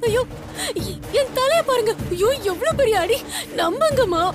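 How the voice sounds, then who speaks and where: A woman's voice: extremely high pitch, lively intonation, moderate pace. An actress playing a tearful young daughter-in-law who claims she was beaten, pleading through sobs, over serial music. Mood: sobbing. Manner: sobbing, pleading complaints.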